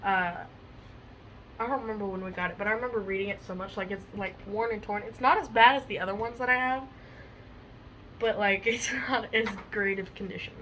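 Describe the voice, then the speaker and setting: A woman's voice: medium pitch, brisk, fairly bright tone, a little hiss or hum, poor audio. A young woman reading a children's storybook aloud, chatty, with many fillers between pages. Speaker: storybook reader. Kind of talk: casual chat and read-aloud storytelling.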